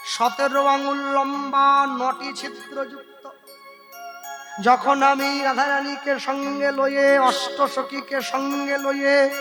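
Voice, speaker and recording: A man with an Indian Bengali accent preaching at a kirtan, telling devotional stories, quizzing the audience and breaking into song. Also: very high voice. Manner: storytelling, quizzes the audience, laughs often. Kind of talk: devotional sermon with sung verses. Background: devotional instrumental music.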